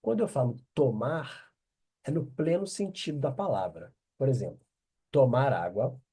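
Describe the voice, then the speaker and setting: Professor brasileiro paciente, voz escura. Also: male voice, medium pitch, expressive, mellow, breathy edge. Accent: Brazilian Portuguese. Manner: slow, patient, spells out French words with deliberate repetition. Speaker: French teacher. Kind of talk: online language lesson.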